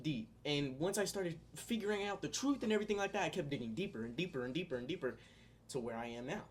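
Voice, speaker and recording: A man's voice: mid-range voice, slight background noise. Rambling young man vlogging. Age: young adult. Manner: rambling, full of fillers and restarts; earnest, spiritual musings addressed to viewers. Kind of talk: casual vlog monologue.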